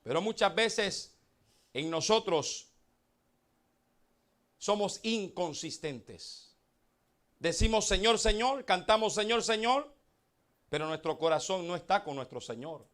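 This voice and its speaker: High-voiced preaching man, slow and emphatic. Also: lively intonation, a bit bright. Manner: preaching with dramatic swings of volume and slow emphatic words; addresses the congregation as beloved brothers. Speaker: pastor. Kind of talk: sermon.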